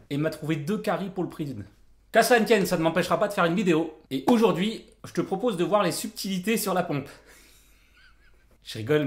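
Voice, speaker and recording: A man's voice: a little high, reverberant. A man giving a casual guitar tutorial to camera, joking and self-deprecating, his mouth numb from dental anaesthetic. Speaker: jazz guitar coach and video teacher.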